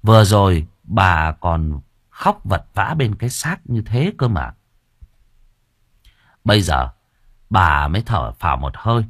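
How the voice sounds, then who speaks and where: A man narrating a story in a lively, expressive reading. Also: low-pitched, measured pace, long pauses, dry recording, studio quality. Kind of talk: audiobook narration.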